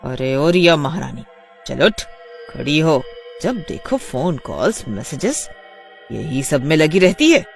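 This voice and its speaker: A man voicing a cruel, bossy witch daughter-in-law in a cartoon story, shouting threats and orders. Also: on the high side, sing-song, measured pace, vocal fry, faint music behind, heavily acted. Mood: scolding, menacing. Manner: loud, scolding, threatening.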